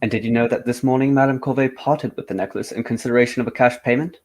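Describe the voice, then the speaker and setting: In a radio drama, a man plays a gentleman detective with a natural, mid-range voice. He speaks with polite formality in a steady tone, composed and measured, as if laying out a case.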